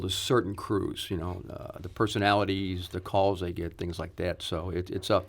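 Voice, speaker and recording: A man speaking as a fire chief in a conversational, informal interview. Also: on the low side.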